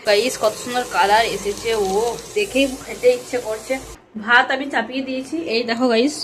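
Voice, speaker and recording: High-voiced playful woman vlogger. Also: fairly bright tone, a little hiss or hum. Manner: chatty, playful, teasing. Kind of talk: casual cooking vlog. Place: home kitchen.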